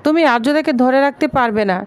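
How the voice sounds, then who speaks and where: A woman reading a proud, sharp-tongued rich girl. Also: high-pitched, quick pace, smooth, close to an everyday voice. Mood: taunting.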